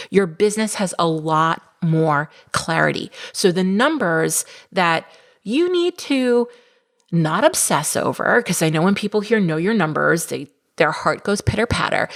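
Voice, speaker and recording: A woman's voice: medium pitch, creaky, a bit bright. A middle-aged woman hosting a solo business podcast, talking in a chatty, encouraging way with casual fillers. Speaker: podcast host and business coach.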